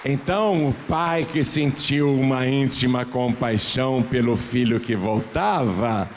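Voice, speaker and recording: A man from Brazil preaching a sermon in a church, swinging from low, slow lines to high, fervent calls and acting out Bible voices. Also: long reverb tail, slight background noise. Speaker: pastor.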